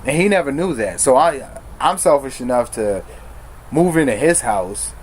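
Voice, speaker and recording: A man's voice: medium pitch, expressive, normal speed, a little hiss or hum. A man telling his personal story in a frank, conversational way, using slang and correcting himself as he goes. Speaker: storyteller sharing his recovery testimony.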